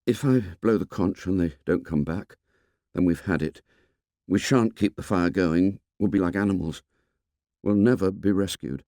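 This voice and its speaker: A man voicing a troubled, cautious boy leader in an audiobook, speaking flatly and hesitantly. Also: deep voice, slow pace, long pauses, no room sound, studio quality, voice pushed down. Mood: weary. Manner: flat, subdued, hesitant.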